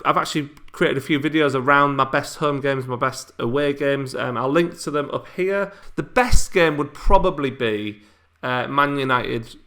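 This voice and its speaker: An English YouTuber answers subscriber questions in a casual, chatty manner, full of ums and restarts. His medium-pitched voice is bright and forceful.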